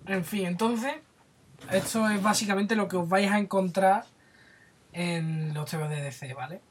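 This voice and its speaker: A podcast host with a Spanish accent, retelling a comic story in an animated way, with lots of swearing. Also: medium pitch, measured pace, slight background noise. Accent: Spain. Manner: animated, profane, retelling stories with voices. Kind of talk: casual storytelling chat.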